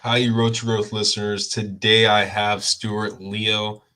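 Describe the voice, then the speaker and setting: A man hosts a podcast interview in a friendly, chatty way, often correcting himself mid-sentence. His voice is lowish but has a bright, forceful edge. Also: little pitch movement, takes it slowly. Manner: friendly, self-correcting, stumbles over names. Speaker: podcast host. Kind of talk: casual interview chat.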